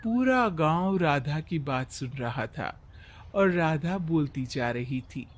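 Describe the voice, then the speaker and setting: A man's voice: a little high, expressive, slow, faint music behind. A man narrating a scripted moral story as its storyteller.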